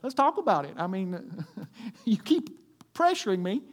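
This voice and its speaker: A man's voice: high-pitched, sing-song, a little slow, voice pushed up, exaggerated voice. A male preacher acting out a healed blind man who boldly presses his questioners in a sermon. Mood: pressing. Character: bold healed blind man, eager and insistent.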